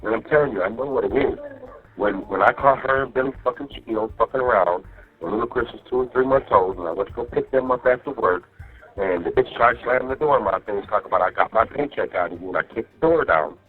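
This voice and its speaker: A jail inmate with a mid-range voice talks fast during a phone call, profanely and casually venting to his partner. He rambles, often repeating himself with "you know what I mean," and the line is muffled with faint music in the background.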